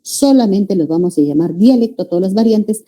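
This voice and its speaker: Woman teacher, really lively up and down melody, keeps asking the class if they got it. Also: mid-range voice, brisk. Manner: calls students "jóvenes", checks understanding with frequent "¿ya?" and "¿no?". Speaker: language teacher. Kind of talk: pre-university lecture.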